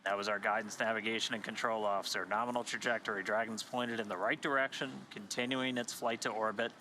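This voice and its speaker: A man's voice: on the low side, fairly even intonation, quick pace, sharp tone, slight background noise, low-quality recording. A man commentating live on a launch webcast, relaying technical call-outs and flight status.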